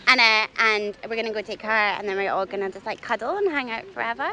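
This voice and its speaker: A woman chats casually and expressively. Her voice sits slightly high, with a bright, lively edge. She talks quickly and freely, as if to someone she has just met. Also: lo-fi sound. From west of Ireland. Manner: chatty, expressive. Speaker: passer-by being interviewed. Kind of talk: casual chat. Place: outdoors in a city park.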